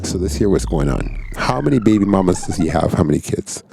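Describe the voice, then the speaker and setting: A man's voice: low voice, animated, quick pace, vocal fry, noisy background. A man hosting a reaction video, commenting casually on clips with jokes and slang. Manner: joking, laughing, slangy.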